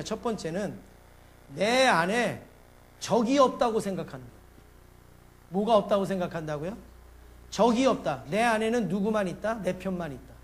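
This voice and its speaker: A male pastor preaching a sermon, questioning the congregation and acting out a story with sudden swings between quiet and loud. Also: sits high. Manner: asks the congregation questions and acts out a story with big swings in loudness.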